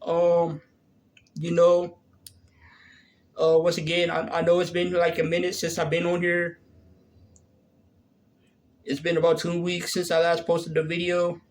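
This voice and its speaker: A vlogger in his thirties answers viewer questions casually, hesitating often and filling his speech with fillers and restarts. His fairly high voice is monotone, measured, and broken by frequent pauses.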